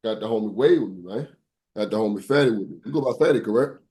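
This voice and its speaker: Mellow laid-back male podcast host. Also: fairly low pitch, fast, breathy edge. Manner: laid-back, repeats "okay, okay", street slang. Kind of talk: casual interview.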